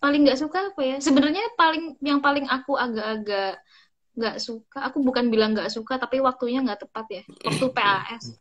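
A young woman talking as a guest in a casual interview, chatty and animated, pausing with fillers as she thinks. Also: high voice. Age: young adult. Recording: dull lo-fi recording.

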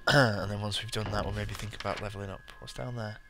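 A man's voice: lowish voice, steady tone, quick pace, crowd noise. A British man giving casual gameplay commentary with dry, muttered asides. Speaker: gamer, let's play host. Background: game music.

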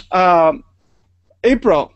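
A man's voice: sits high, dry recording, dull audio. A man from Argentina with an Argentine Spanish accent, teaching an online group lesson and patiently repeating words for learners.

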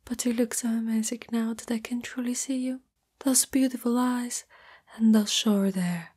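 In this ASMR roleplay, a woman from Italy plays a timid spider monster girlfriend who is young and smitten. She speaks in a breathy, intimate, hesitant whisper that is fairly high, fairly even in intonation, at a moderate pace and a little mellow, full of yearning.

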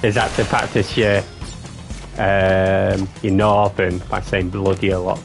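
Gaming on a live stream, this man keeps up casual, jokey banter with his viewers and sometimes breaks into goofy song. His deep voice is creaky, level in tone and slow, over soft background music.

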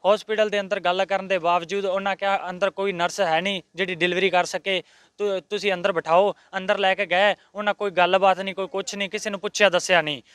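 A man's voice: high-pitched, flat delivery, fast, a bit bright, smooth, no room sound. A man with a Punjabi accent, aggrieved and insistent as he tells a reporter how his wife was left untreated. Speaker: patient's husband. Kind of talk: complaint to a reporter. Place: outside a hospital.

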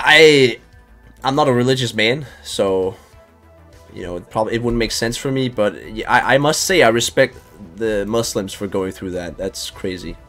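A man's voice: lowish voice, a bit bright. A man casually chatting with viewers while streaming a game, loose and talkative, swearing and laughing now and then.

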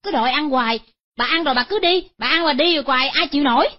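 Woman doing a fast whining daughter-in-law. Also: sits high, voice pushed up, lightly acted. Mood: complaining. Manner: rapid, whining complaint. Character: fed-up nagging daughter-in-law. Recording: dull lo-fi audio.

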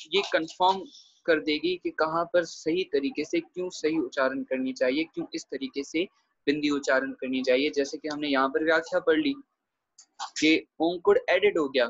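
Guy teaching a grammar class online, kinda high voice, dull dry call audio, keeps checking everyone's following. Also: no echo. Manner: explains patiently, checks with frequent "theek hai". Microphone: video call.

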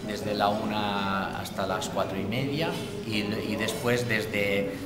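A man's voice: on the low side, slow pace, over loud music. A man in his forties, a restaurant owner, answering interview questions in a restaurant dining room, hesitant with many fillers as he lists the dishes. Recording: echoey room with steady background noise.

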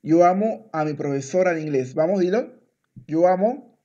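A man's voice: high-pitched, animated, moderate pace, warm tone, dull audio. A man teaching Spanish one-on-one. He talks patiently, repeats words, and switches to English to explain. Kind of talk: one-on-one language lesson.

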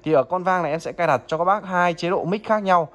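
A man demonstrating audio equipment in a chatty sales pitch, often checking in with viewers. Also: fast talker, a bit bright. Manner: chatty, addresses viewers as "các bác", frequent "được chưa?". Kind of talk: product demo sales pitch.

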